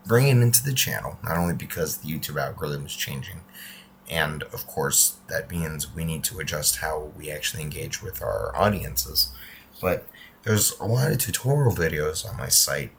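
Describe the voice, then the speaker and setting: A man's voice: a bass voice, vocal fry, slight background noise. A man in his thirties from the United States, talking casually to his channel's viewers, his voice a bit off from a cold, with many ums and uhs. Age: 30s. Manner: rambling, frequent ums and uhs. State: recovering from a cold, voice not clear. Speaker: martial arts channel host. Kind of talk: casual talk to camera.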